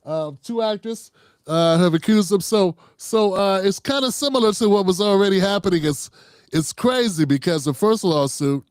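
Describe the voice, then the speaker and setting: His high voice has lively intonation and a clean tone at normal speed, captured dry in studio quality. As host of his own show, he gives a rambling, profane political monologue and keeps calling viewers "fam."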